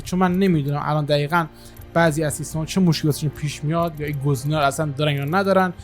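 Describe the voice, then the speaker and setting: Relaxed man with a slightly high voice. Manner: relaxed, many filler hesitations. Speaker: gaming channel host. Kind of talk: casual game-settings tutorial. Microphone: single desktop microphone.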